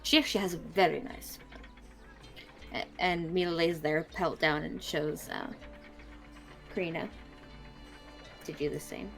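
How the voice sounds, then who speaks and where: A woman's voice: low-pitched, steady tone, measured pace, vocal fry, pauses often, faint music behind. A woman chatting casually while playing a tabletop role-playing game. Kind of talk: casual chat.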